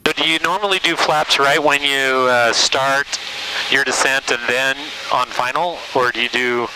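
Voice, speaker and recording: Careful male student pilot, mid-pitched, on a cockpit headset with loud engine noise. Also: fairly even intonation, normal speed. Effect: pilot speaking over a cockpit headset intercom. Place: small airplane cockpit in flight.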